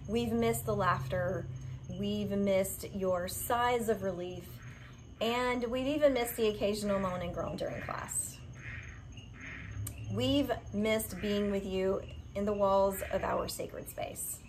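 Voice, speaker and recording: A woman's voice: medium pitch, slow, background noise. A woman in her forties, a yoga studio owner, giving a heartfelt direct-to-camera update from a covered outdoor patio, recorded on a camera at arm's length. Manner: warm, heartfelt, earnest.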